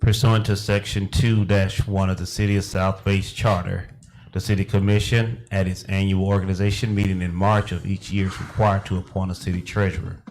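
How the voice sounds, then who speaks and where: A man's voice: low voice, level tone, a little fast, a little mellow, a little hiss or hum. A man presenting a formal agenda item as city manager, reading legal wording. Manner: formal, reads legal text.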